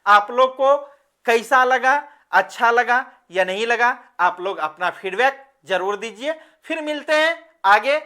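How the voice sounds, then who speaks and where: Woman teacher, slow delivery, acts out example lines in a drawn-out way. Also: a little high, lively intonation, sharp tone. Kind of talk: grammar lesson.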